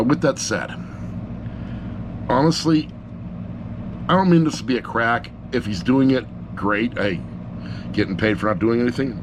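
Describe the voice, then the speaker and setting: Recorded by an action camera perched on a laptop, a middle-aged man casually reviews an audiobook off the cuff. His medium-pitched voice comes through background noise as he rambles, bluntly poking fun at himself.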